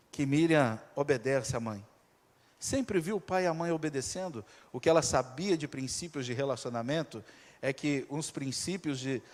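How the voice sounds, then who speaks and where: A male pastor with a Brazilian accent preaching a sermon, telling the story dramatically, swinging from loud to hushed. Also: fairly high pitch. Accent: Brazilian Portuguese. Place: church. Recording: reverberant church hall.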